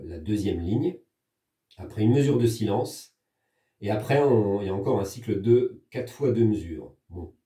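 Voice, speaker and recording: A mellow, medium-pitched male voice belongs to a French teacher recording a percussion lesson for his pupils. At home with a practice pad, he patiently explains step by step and counts the hand patterns aloud. Echo fills the room and his voice comes from a distance.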